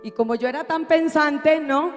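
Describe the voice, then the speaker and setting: Middle-aged woman, animated testimony, echoey hall, faint music. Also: high-pitched, moderate pace. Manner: animated storyteller, acts out quotes. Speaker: speaker giving testimony. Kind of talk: lively spoken testimony.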